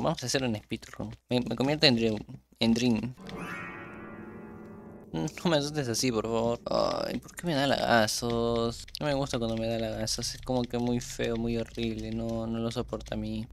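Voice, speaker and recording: A young man with a gravelly, creaky voice talks loosely through a horror game, his sentences drifting off and starting over. His R sound does not come out cleanly. Soft music sits faintly behind him. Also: medium pitch. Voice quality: trouble pronouncing the R sound. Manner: chatty, rambling, trails off and restarts. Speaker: gaming YouTuber. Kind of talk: casual horror-game commentary.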